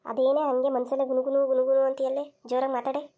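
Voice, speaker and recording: Cartoon comedy scene with a woman playing a grumbling old mother-in-law who scolds everyone and complains nobody listens to her. The voice sits high, with rustic village talk full of grievances. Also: little pitch movement, very fast, mellow. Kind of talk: cartoon voice acting.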